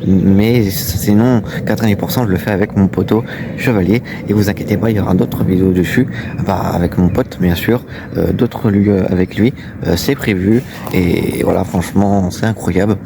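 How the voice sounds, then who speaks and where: A man's voice: deep voice, moderate pace, creaky. A young man vlogging casually about an abandoned-building exploration, rambling and repeating filler phrases, recorded outdoors on a phone. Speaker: urbex vlogger. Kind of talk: casual vlog talk to camera. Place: outdoors near an abandoned manor. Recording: loud background noise on a phone recording.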